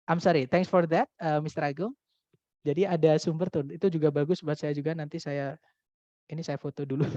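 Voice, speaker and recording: A man's voice: fairly high pitch, darkish tone, no room sound. A man teaching an English test-prep class online, reading out student questions and explaining casually. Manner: explains casually, answers students' chat questions read aloud. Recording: dull dry recording.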